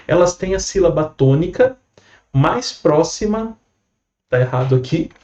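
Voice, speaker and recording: A man with a Brazilian Portuguese accent teaching a casual online English lesson, relaxed and full of fillers and quick "beleza?" check-ins. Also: a little high, echoey room, muffled recording.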